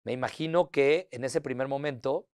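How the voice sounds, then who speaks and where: A man's voice: mid-range voice, moderate pace, darkish tone, clear, resonant tone, no echo, studio quality. Man hosting an interview. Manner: affirming, asks many short questions in a row. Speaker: interview host. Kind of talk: conversational interview.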